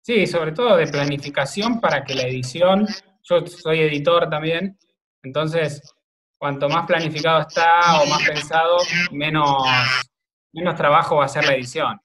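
Argentine guy chatting in an interview, kinda high voice, thinks out loud, lots of "bueno" and "no sé". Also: moderate pace. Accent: Argentine Spanish. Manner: rambling, thinks aloud with many fillers. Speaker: video maker and editor, interview guest. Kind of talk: casual remote interview conversation.

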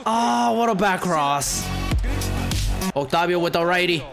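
A young man doing casual live game commentary as a streamer, excitable and sweary, with brash frat-bro slang, close on a desk mic. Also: sits high, unhurried, creaky. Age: young adult. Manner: excitable, often shouting. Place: small bedroom streaming setup indoors. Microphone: close desk microphone. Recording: music behind the voice.

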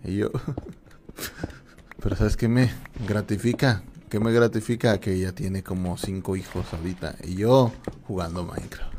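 A man with a Mexican accent, a gaming streamer on a comedic rant, full of slang and repeating "sabes", swinging from mumbled asides to loud indignant outbursts. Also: lowish voice, steady tone, slow, pauses often, slight background noise. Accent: Mexican Spanish.

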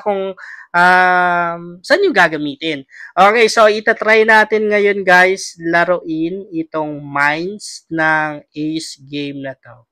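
Bright-voiced Filipino man with a cough. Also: on the high side, no echo. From Philippines. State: strained voice with a cough. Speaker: vlogger and host. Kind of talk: casual vlog talk, gaming tutorial.

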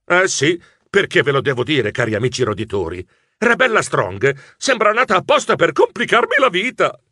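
Lively man narrating a children's story. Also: fairly high pitch, fairly quick, dry recording, clean studio sound. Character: nervous male mouse writer narrating.

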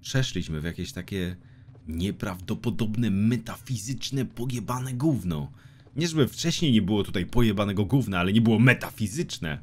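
A young man commenting on a horror game as he plays, swearing often, shouting in panic and dropping to a quiet mutter. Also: moderate pace. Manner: excitable, swears a lot, yells in panic, then drops to a low mutter. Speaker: gaming YouTuber. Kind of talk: let's play commentary. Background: game music.

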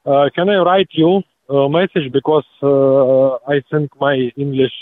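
A man's voice: medium pitch, steady tone, measured pace. A man from Ukraine with a Ukrainian accent, speaking hesitant broken English full of fillers on a phone call. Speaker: prank call target. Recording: tinny phone line.

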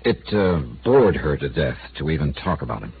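In a 1950s radio drama, an actor narrates and leads as a wry, middle-aged insurance investigator, asking dry, skeptical, probing questions. His extremely low voice is very animated at normal speed, with vocal fry, a breathy edge, and a full character performance, heard through tinny, hissy lo-fi broadcast audio.

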